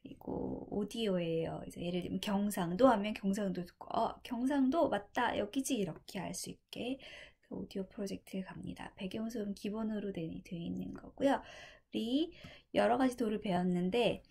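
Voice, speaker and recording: A woman teacher explaining a coding task in a chatty classroom way, with soft asides. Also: mid-range voice, moderate pace, creaky, few pauses, husky. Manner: chatty, with soft asides and acted inner thoughts.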